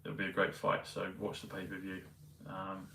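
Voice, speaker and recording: A man vlogging in a meandering, hesitant casual monologue full of pauses and fillers. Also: low-pitched, completely flat delivery, creaky, bright, forceful tone, slight background noise. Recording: roomy, mic at a distance, faint ambience.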